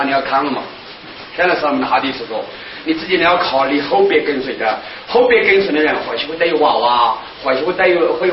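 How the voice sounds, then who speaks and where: A man speaking as an imam, talking fast in a high voice and putting rhetorical questions to his listeners. Now and then he chants Arabic prayer phrases. He is recorded from far off in a roomy space on a dull, lo-fi recording. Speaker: imam teaching prayer practice. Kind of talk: religious teaching talk.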